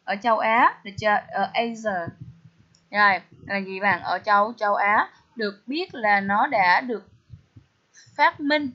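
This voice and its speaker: A woman's voice: mid-range voice, measured pace. A woman teaching English through a test walkthrough, often asking her listeners questions. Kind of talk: TOEIC test walkthrough lesson. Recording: slightly dull lo-fi audio.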